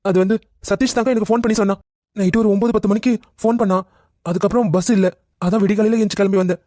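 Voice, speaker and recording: A woman's voice: medium pitch, steady tone, mellow, no room sound, studio quality, natural voice. A woman voicing an angry young son who confronts his mother in a cartoon family drama. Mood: explaining. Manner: demanding, rapid questioning.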